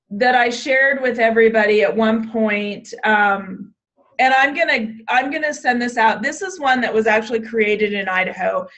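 A woman's voice: a little high, a bit bright. A woman giving an online orientation to youth program staff. She talks conversationally with frequent ums and restarts, and her voice is getting tired. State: losing her voice. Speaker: state 4-H program leader.

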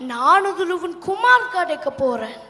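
A woman's voice: very high voice, sing-song, a little slow, heavily acted. A woman playing a grumbling Sri Lankan Tamil father. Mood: scolding. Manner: loud, scolding. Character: grumbling middle-aged father, quick-tempered. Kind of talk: amateur stage play.

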